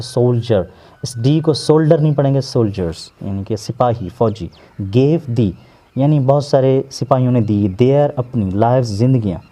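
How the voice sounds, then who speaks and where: A man with a Pakistani accent, working as an English teacher and explaining a textbook lesson slowly, word by word, repeating terms to drill pronunciation. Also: mid-range voice, dark tone. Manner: slow word-by-word translating, repeats words for pronunciation.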